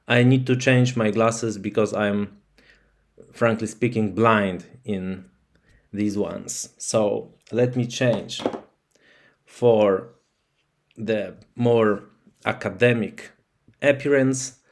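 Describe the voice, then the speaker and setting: Talking slowly to camera with frequent pauses, a Polish-native channel host addresses his viewers casually in English. His lowish voice carries a thoughtful, hesitant manner full of fillers.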